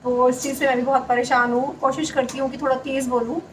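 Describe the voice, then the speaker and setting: Soft-spoken woman vlogging from a roomy kitchen. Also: high-pitched, little pitch movement, quick pace. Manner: soft-spoken, chatty and confiding. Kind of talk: casual home vlog chat. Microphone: clip-on mic, often away from it. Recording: roomy, distant, noisy home recording. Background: machine running on the gas stove.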